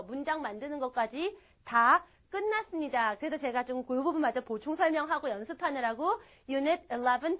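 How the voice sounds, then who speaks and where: A woman's voice: high-pitched, lo-fi sound. A woman teaching an English grammar lesson in a patient, repetitive way, modeling example sentences and whispering short consonant sounds. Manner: patient, explains slowly and repeats example sentences. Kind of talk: recorded English grammar lecture.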